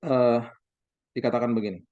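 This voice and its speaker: A man in his forties, a pastor, preaching a sermon as lively stories, acting out the dialogue for the congregation. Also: medium pitch, moderate pace, dry recording. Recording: dull, dry sound.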